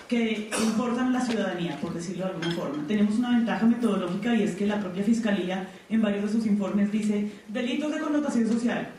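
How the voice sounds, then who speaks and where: A woman delivers a seminar talk, explaining in a conversational way and stopping often to think. Her voice is mellow. She is recorded from a distance in a very echoey conference hall with faint background noise. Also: medium pitch. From Colombia. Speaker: panel presenter. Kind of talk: seminar presentation.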